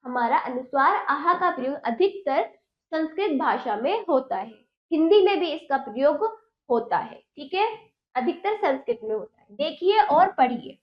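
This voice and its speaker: A woman teacher giving a children's lesson, slowly repeating each word and asking simple questions. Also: sits high, expressive. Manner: slow drilling, repeats each word carefully with rising questions. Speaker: Hindi teacher. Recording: roomy, dull lo-fi sound.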